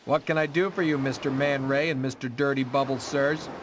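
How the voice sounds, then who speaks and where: A man's voice: medium pitch, fairly even intonation, a little fast, noisy background, lightly acted. A man playing a chatty gossipy shopkeeper. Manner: friendly, offhand salesman patter.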